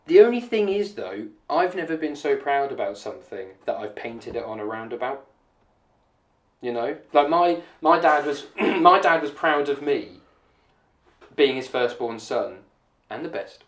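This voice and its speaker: A man's voice: mid-range voice, very animated, a little slow, reverberant. A man hosting a comedy podcast, joking and sarcastic in casual chat. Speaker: podcast host.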